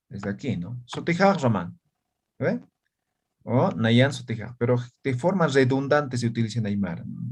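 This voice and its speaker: A man's voice: mid-range voice, a little hiss or hum. A man teaching an online language class, explaining patiently and checking often that students follow.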